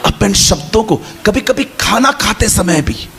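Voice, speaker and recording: A man's voice: high voice, animated, measured pace, vocal fry, fairly bright tone, slight background noise. A man preaching a sermon to a congregation in a conversational way, repeating phrases and acting out little dialogues. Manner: conversational Hindi preaching with repetition and quoted dialogue.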